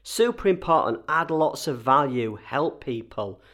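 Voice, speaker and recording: Still recovering from a cold and chest infection, a man with a slightly wheezy, chesty voice hosts a solo advice episode for freelancers. He's conversational but hits key points emphatically, his mid-range, fairly bright voice swinging widely in pitch at a measured pace.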